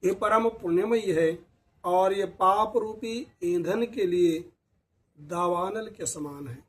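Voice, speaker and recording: A man's voice: high voice, slow, fairly bright tone. A man voicing a serene, wise old sage in a storybook tale, speaking solemnly.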